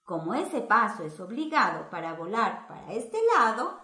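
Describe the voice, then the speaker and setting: A woman voicing a scheming long-legged female spider, sly and brisk, in an echoey room. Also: mid-range voice, very animated, bright, forceful tone.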